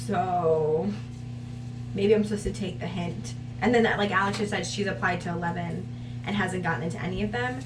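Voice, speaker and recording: A woman in her twenties with a fairly low voice chats casually to camera at a moderate pace as a vlog co-host, with music playing under her. The recording is noisy and echoey, picked up by a distant mic.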